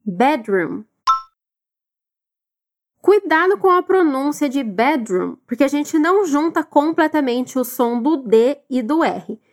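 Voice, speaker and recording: A woman teaching English, encouraging listeners and drilling phrases slowly for them to repeat. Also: sits high, animated. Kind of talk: recorded language lesson.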